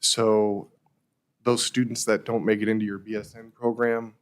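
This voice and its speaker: Hoarse, even-toned man. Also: fairly low pitch, normal speed. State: slightly hoarse, losing his voice. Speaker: nursing board member asking questions. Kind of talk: formal questioning at a public meeting.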